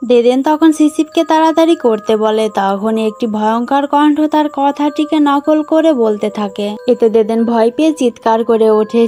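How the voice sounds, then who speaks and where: A woman narrating a horror movie plot recap in a steady, scripted storytelling read. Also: fairly high pitch. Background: faint background music.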